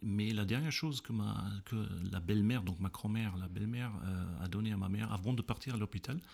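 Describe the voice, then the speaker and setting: Male guest, husky and gravelly, halting and thoughtful delivery. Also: fairly low pitch, a little mellow. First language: German. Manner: hesitant, many fillers and restarts while recounting. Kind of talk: interview conversation.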